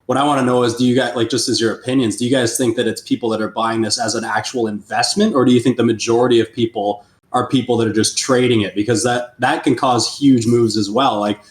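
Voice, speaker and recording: A man's voice: mid-range voice, steady tone, fast talker, few pauses. A man co-hosting a finance podcast, chatting casually with many fillers. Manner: loose, filler-heavy talk. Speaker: podcast co-host. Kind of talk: casual chat. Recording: roomy echo.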